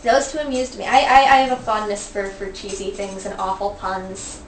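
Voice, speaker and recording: A woman's voice: mid-range voice, moderate pace. A woman casually telling jokes and bantering in a playful, teasing way. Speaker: joke teller and interjecting companion. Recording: echoey room, distant mic, background noise.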